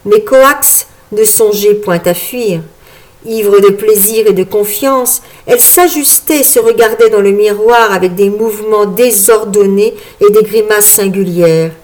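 A woman reads a fairy tale aloud in a measured, even way. Her voice sits at a middle pitch and keeps a calm, steady storytelling flow. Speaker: narrator. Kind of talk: storybook reading.

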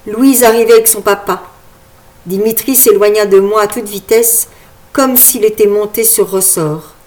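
A woman narrating a first-person novel as an audiobook, in a smooth, even storytelling delivery. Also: mid-range voice.

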